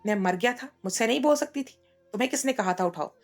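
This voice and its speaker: Woman reading as a cold stern young husband, curt and scolding, gravelly low voice. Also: fairly quick, soft background music.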